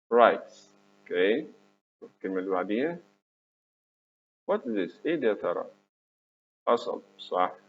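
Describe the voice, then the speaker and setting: A man with an Egyptian Arabic accent, teaching English words to children, saying each word for them to repeat and praising them. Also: fairly low pitch. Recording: tinny phone-like recording with faint hum.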